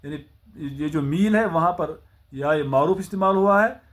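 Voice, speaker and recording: A man's voice: a little high, moderate pace. A man with a Kashmiri accent teaching the Urdu alphabet, patiently sounding out each letter and explaining its pronunciation. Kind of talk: spoken alphabet lesson.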